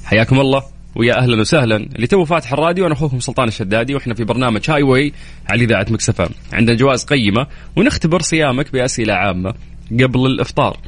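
Saudi male radio host, young, quick banter, animated delivery. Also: medium pitch. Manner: teasing, playful, counts down quickly. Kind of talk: quiz call-in radio chat.

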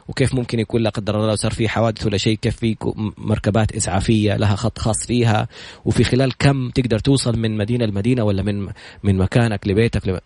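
Husky-voiced Saudi man, rapid-fire motivational storytelling host. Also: medium pitch, dry recording. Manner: rapid, animated, retells others' stories.

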